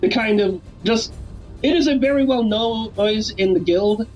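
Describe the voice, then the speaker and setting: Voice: mid-range voice, a little slow, darkish tone, soft background music, rough recording. A game master narrating a tabletop game, rambling and often correcting themself mid-sentence. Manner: rambling, self-correcting, laughing.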